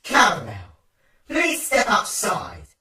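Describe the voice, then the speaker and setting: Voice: medium pitch, sing-song, moderate pace, pushed and bright, echoey room, distant mic, pitched above the performer's own voice. A narrator voicing a furious, menacing pony in the hammy manner of a stage villain. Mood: menacing fury. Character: furious, menacing pony threatening horrible things.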